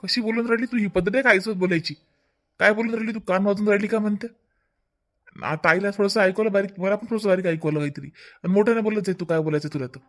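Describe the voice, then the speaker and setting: A man plays a talkative young village husband in a cartoon family drama. He rattles on quickly. His voice is pitched high for a man. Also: fairly bright tone. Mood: reproachful. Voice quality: chatty, reproachful, explaining at length. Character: fussing young husband and brother-in-law, talkative. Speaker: cartoon voice actor.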